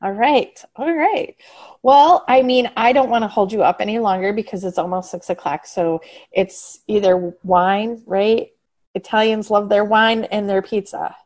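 A woman's voice: mid-range voice, a little slow, a little mellow. A woman hosting a podcast interview, chatty and upbeat, laughing often as she wraps up. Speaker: podcast host. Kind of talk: interview wrap-up chat.

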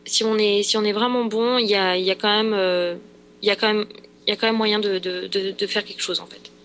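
A woman's voice: mid-range voice, steady tone, a little fast, a bit bright, a little hiss or hum. A young French woman, an actress, chatting in an interview, hesitant with many fillers and restarts. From France. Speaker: actress in Los Angeles. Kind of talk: casual interview chat.

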